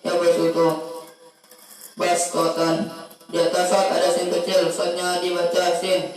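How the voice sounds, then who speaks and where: A male student taking an oral exam, reciting memorized recitation rules in a rote, rapid way and chanting the Arabic terms. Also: sits high. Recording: very echoey room, distant mic, faint music.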